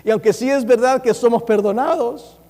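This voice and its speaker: A man, a pastor, preaching a sermon in a church in an animated, humorous way, with mocking impressions. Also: very high-pitched, normal speed. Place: church sanctuary. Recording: long reverb from a church hall.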